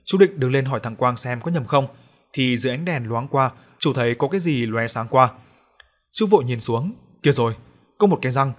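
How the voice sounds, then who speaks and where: A man acting as storyteller, narrating a scripted ghost story in a steady, even manner and greeting his channel's viewers. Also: medium pitch.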